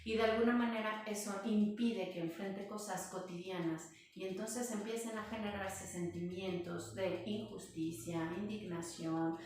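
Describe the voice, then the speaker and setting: A woman's voice: mid-range voice, fairly even intonation, unhurried, few pauses, a little mellow, slight background noise. A woman guest explaining in an interview, in an explanatory, storytelling manner. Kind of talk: interview talk. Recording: echoey room from far off.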